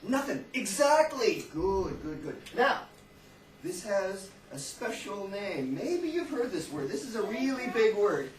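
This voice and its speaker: Animated Southern-accented male teacher, echoey classroom. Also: high-pitched. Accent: Southern American, Texan. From Texas, southern United States. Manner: animated, explains slowly and repeats words for the class. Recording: echoey classroom from far off with faint noise.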